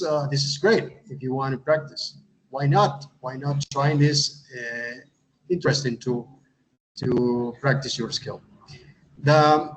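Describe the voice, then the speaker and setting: A man who teaches English, giving a step-by-step tutorial in a halting way, often repeating words and adding uh. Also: mid-range voice, fairly bright tone, rough recording. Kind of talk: instructional tutorial.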